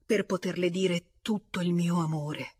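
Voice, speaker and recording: A woman's voice: on the low side, fairly even intonation, a little slow, a little mellow, husky. A woman reading an audiobook aloud, voicing an ardent, anxious young man who talks in an earnest, pleading way, with an Italian accent.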